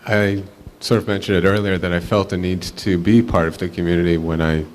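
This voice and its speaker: A man's voice: deep voice, steady tone, a little fast, darkish tone, slight background noise. A man from Israel speaking reflectively on a panel, with many fillers.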